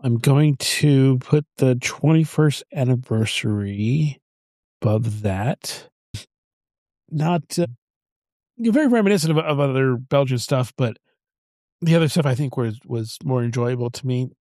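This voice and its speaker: A man's voice: mid-range voice, expressive, a little slow, mellow, dry recording. Chatty man ranking beers, dry sound. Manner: chatty, rambling with restarts. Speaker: beer podcast co-host. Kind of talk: casual chat.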